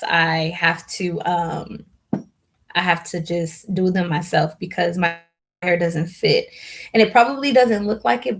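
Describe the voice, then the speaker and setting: A young woman hosts a live Q&A as a hair vlogger, rambling to her viewers with lots of fillers and restarts. Her voice is fairly low and carries vocal fry.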